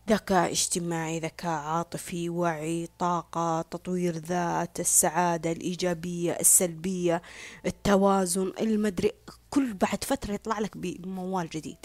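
A woman's voice: on the low side, no room sound. A woman giving an opinionated casual monologue, with sarcastic asides and occasional whispered remarks. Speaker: social media commentator.

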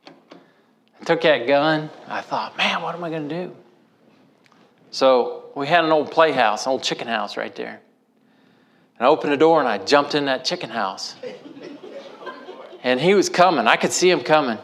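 A man from Missouri gives a sermon as a folksy personal story. He speaks with a mid-range pitch and leans on rural turns of phrase. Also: normal speed, long pauses, slight background noise. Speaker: preacher.

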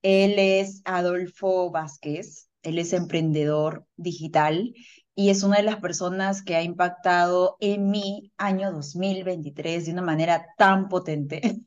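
A woman's voice: lowish voice, steady tone, unhurried, highs cut off. A woman hosting a podcast, upbeat and welcoming as she greets listeners and interviews her guest. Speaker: podcast host.

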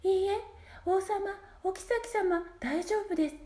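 A woman voicing a kind young fairy who speaks loudly in a formal, comforting way, in a storybook reading with room echo. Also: unhurried. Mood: reassuring. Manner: loud, bright-pitched, formal and comforting. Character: kind young female fairy, earnest and reassuring.

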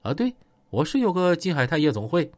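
A man voicing a calm, righteous gang boss who speaks in a steady, reassuring, authoritative way, with a Northeastern Chinese accent. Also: on the high side, a little fast, dry recording.

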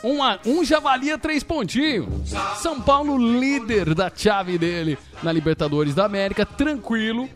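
Excitable high-pitched Brazilian man hosting sports banter. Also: unhurried, faint music behind. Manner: excitable, repeats himself. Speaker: football talk show host.

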